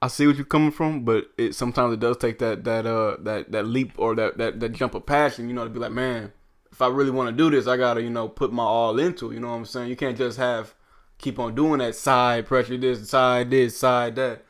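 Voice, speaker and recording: A man's voice: medium pitch, steady tone, a little fast. A young man co-hosting a podcast in casual chat, laid-back and hesitant, arguing his point with frequent restarts. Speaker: podcast co-host.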